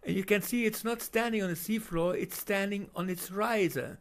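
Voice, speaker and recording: Speaking in a high voice, this German-accented man comments on video footage off the cuff, and his delivery halts often with fillers and false starts.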